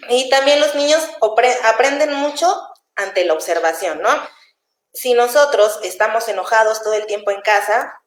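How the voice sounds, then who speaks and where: Young woman, slightly high voice, casual explainer, echoey room sound. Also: measured pace. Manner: warm, chatty, laughs easily, acts out parents' voices. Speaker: child development specialist guest.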